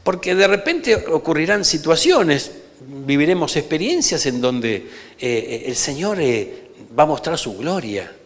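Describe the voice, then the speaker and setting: A man's voice: fairly high pitch, very animated, unhurried. A man with an Argentine Rioplatense accent, a pastor preaching an emphatic sermon in a church and often calling for amens. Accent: Argentine Rioplatense Spanish. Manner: emphatic preaching, peppered with calls for amen. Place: church sanctuary. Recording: reverberant church hall.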